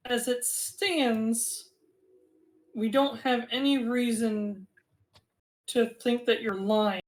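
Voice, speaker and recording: Gm lady doing a squeaky shrill moth girl, slow and careful. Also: steady tone. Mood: earnest. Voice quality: high-pitched, squeaky.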